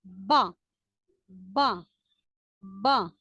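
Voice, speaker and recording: A woman teacher with an Arabic-speaking accent, leading a classroom alphabet lesson with slow, drawn-out repetition of letters and words and frequent praise. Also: mid-range voice, bright, forceful tone, breathy edge, no room sound, muffled recording.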